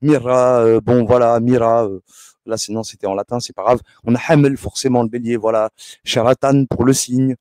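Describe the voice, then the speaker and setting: Male host, mellow tone, dry recording, rambling and combative delivery. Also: medium pitch, steady tone, moderate pace, clear, resonant tone, no echo. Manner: heated, scolding, lots of hesitations. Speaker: channel host. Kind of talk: rambling esoteric monologue.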